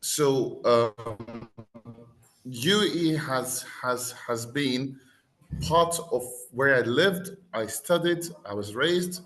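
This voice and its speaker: A man's voice: medium pitch, very slow, a bit bright. A man raised in the UAE, talking reflectively as a podcast guest and explaining with everyday examples. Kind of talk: conversational panel talk.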